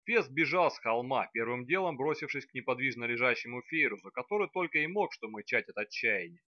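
A man narrating an audiobook with steady, measured reading. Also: mid-range voice, dry recording, lo-fi sound.

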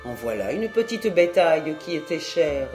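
A woman narrating a classic French tale as an audiobook, reading in an expressive, theatrical manner. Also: deep voice, normal speed. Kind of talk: storybook narration. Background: soft instrumental music.

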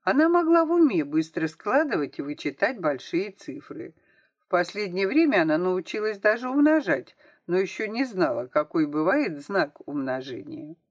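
A woman reading a children's novel aloud as an audiobook narrator, with expressive, varied intonation. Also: fairly low pitch, normal speed.

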